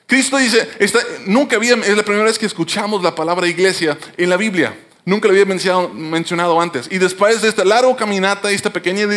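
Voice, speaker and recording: A man's voice: high-pitched, fairly bright tone. A man preaching a sermon in a conversational, explanatory way, often restarting his words. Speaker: pastor.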